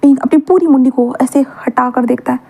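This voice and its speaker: A woman's voice: sits high, steady tone, brisk, dark tone. A woman casually retelling a fan fiction story, mixing English words into her narration.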